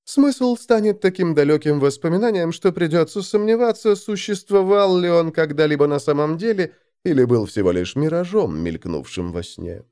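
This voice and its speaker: Male narrator as sardonic drawling baron, dry, sinks low at the end. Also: lively intonation, moderate pace, few pauses, dark tone, smooth, no echo, lightly acted. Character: drawling sardonic old nobleman, dry wit.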